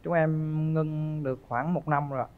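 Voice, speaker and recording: A man's voice: a little high, fairly even intonation, normal speed, narrow, tinny audio, soft background music. A man, a dating show contestant, speaking politely and deferentially. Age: 30s. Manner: polite, soft-spoken, deferential.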